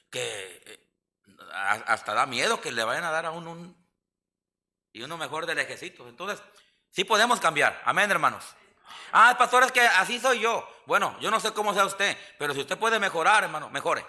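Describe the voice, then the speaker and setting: A man's voice: on the high side, lively intonation, moderate pace, pauses often, sharp tone. A Mexican man from the south of the country preaching a sermon in church, folksy and joking, often asking the congregation for an amen. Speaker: pastor.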